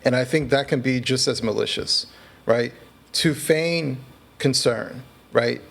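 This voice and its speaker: A man with a gravelly, creaky edge to his voice. He speaks as a podcast guest in a conversational interview. He lays out his points earnestly and at a measured pace, often tagging them with a quick check-in. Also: mid-range voice, a bit bright. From United States.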